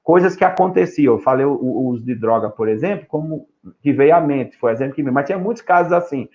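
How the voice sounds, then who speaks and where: A middle-aged man preaching as a pastor, emphatic, firing rhetorical questions and acting out children and parents in quick asides. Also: mid-range voice, expressive, darkish tone, dull audio. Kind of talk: pastoral teaching in a live stream.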